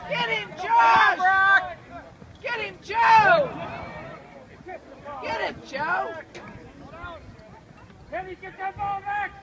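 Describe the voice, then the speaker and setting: A high-voiced woman cheers on young lacrosse players from the sideline, calling out names between slow, gravelly asides. Her camcorder picks her up close, while a loud crowd and outdoor noise fill the background. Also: steady tone. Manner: shouts encouragement to players, then mutters asides. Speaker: parent filming from the sideline. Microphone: camcorder mic. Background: spectator crowd and outdoor noise.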